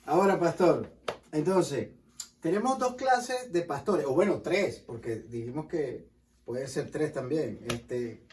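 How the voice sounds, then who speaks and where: A man's voice: on the high side, animated, takes it slowly, darkish tone, distant mic, slight background noise. A man co-hosting a religious talk show who prompts the pastor with questions and agrees along. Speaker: co-host. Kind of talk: casual chat on a religious show.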